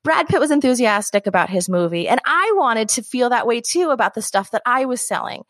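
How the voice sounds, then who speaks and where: A woman's voice: fairly high pitch, lively intonation, a little fast, dry recording, clean studio sound. A woman from New Jersey, an author guest on a podcast, talking enthusiastically and acting out little quoted voices. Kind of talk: podcast interview.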